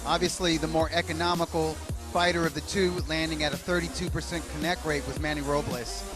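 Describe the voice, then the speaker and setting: A man's voice: fairly high pitch, little pitch movement, a little fast, over music. A man giving live sports analysis as a boxing commentator.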